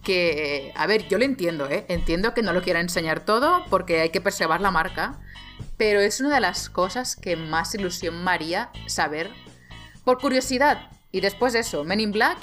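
A woman's voice: lowish voice, moderate pace. Joking woman chatting, faint music. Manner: animated, jokey, with many asides and fillers. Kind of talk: casual chat.

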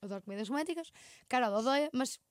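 A woman's voice: high voice, expressive, quick pace, a little hiss or hum. A young woman with a European Portuguese accent co-hosting a casual podcast, telling stories animatedly and acting out her friends' lines. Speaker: podcast co-host. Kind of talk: casual chat.

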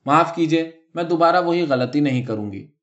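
A man voicing a young wife who answers calmly, with an innocent-sounding and faintly mocking tone. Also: on the high side. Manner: calm, innocent-sounding replies. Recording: dull lo-fi recording.

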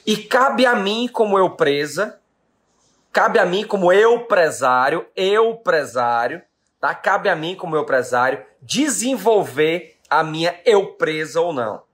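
Speaking a little slowly in a high-sitting, animated, somewhat bright voice, a man from Brazil in his late thirties addresses his live-stream viewers. He runs a business and delivers an emphatic motivational talk, circling back to repeat his main questions.

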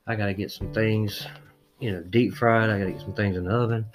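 A man's voice: fairly low pitch, fairly even intonation, fairly quick, faint music behind. A middle-aged man hosting a podcast, chatting casually and joking crudely while making prank calls. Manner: laid-back, joking, crude. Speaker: podcast host.

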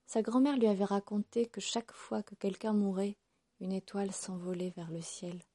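Mellow, husky woman reading a fairy tale. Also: medium pitch, normal speed, no room sound. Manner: expressive storybook narration. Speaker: storyteller. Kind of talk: fairy tale read aloud.

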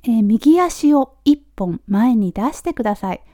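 A Japanese woman giving a casual spoken English lesson, repeating model phrases slowly, with Australian-flavored English. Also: fairly high pitch, animated, dark tone, no echo, studio quality. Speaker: English teacher for nurses.

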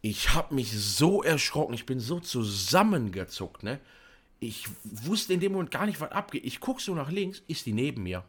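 A young man chatting casually, telling an animated story with lots of fillers and restarts. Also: medium pitch, moderate pace. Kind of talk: casual chat.

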